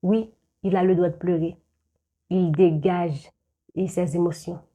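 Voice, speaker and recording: Her voice is lowish and warm, a little slow, with fairly even intonation. A young adult woman making life-advice videos speaks straight to her viewers in an earnest, lecturing manner, frequently repeating words and starting over.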